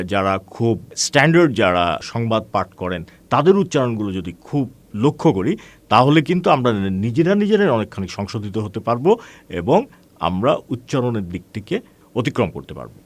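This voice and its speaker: A man teaching an online class, explaining in a measured way with frequent hesitations, asking rhetorical questions and calling his students friends. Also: on the low side, sing-song. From Bangladesh.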